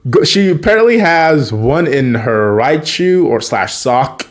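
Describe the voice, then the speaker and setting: A man's voice: a little high, sing-song, unhurried. A man casually recapping a TV episode, rambling with many fillers and self-corrections. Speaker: video creator.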